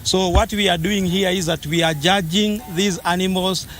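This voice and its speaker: A man with a Kenyan accent explaining his judging work in a live interview, hesitant and deliberate. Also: sits high, steady tone, a bit bright, a little hiss or hum. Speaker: livestock judge being interviewed.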